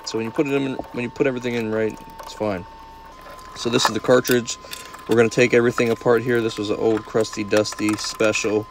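A young plumber films himself first-person on a phone while working in a house's basement and tiled bathroom, casually chatting and teasing his viewers, whom he calls "baby." His voice sits at medium pitch with a level tone, and he talks a little fast. The job-site audio is noisy.

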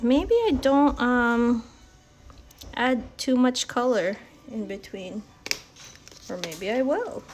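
A woman giving a casual live painting lesson from home, chatty and encouraging as she thinks aloud. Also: on the high side. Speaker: art instructor.

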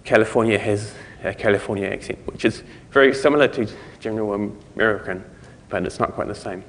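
A conference speaker gives a technical talk indoors, his fairly low voice sounding a bit bright against the lecture hall's echo. His delivery is casual and hesitant, with ideas left unfinished.

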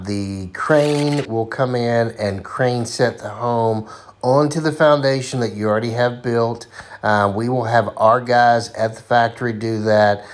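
A man narrating a walkthrough of a home factory as a dealer, enthusiastic and casual, with frequent ums and uhs. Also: on the low side.

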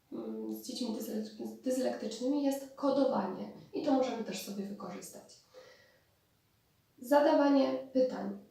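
A woman's voice: on the high side, creaky, dark tone. Echoey, distant woman lecturing. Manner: explanatory, with restarts and hesitations. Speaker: speech therapist. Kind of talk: spoken lecture on therapy methods. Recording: distant mic in very echoey room.

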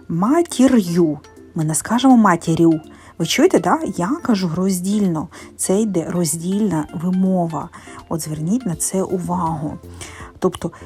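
A woman teaching in a methodical way, pronouncing sounds and syllables slowly and carefully. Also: medium pitch, darkish tone. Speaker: primary school teacher.

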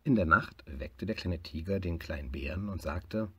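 Male picture-book reader, low, expressive, slightly husky. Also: normal speed, no echo. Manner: lively, expressive reading, swelling louder in happy parts. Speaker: storyteller. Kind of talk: reading a picture book aloud.

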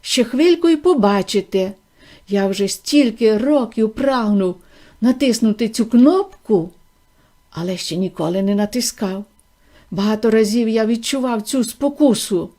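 A woman reading a storybook aloud and voicing an excitable, eccentric male factory owner in a bouncy, theatrical way. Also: on the high side, a little slow. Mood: thrilled. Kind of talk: audiobook reading.

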